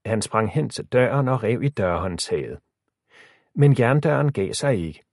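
A male audiobook narrator with a middle pitch and a lively, animated delivery. His storytelling is expressive, recorded dry and close. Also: dry recording.

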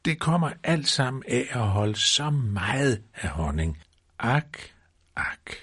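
A man's voice: medium pitch, very animated, fairly bright tone, breathy edge, pitched above the performer's own voice. A man voicing a simple, honey-loving male teddy bear who muses aloud and hums little rhymes in a storybook reading. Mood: dismayed. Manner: musing aloud, sing-song rhymes.

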